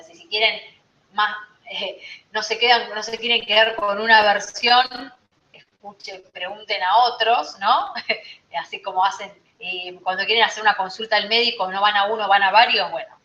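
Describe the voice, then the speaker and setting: A woman's voice: medium pitch, pushed and bright. A woman with a Rioplatense Spanish accent gives an informal astrology lesson, talking conversationally and often checking in with her listeners. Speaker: astrology teacher. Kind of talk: informal teaching talk to a group. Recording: roomy, slightly dull recording.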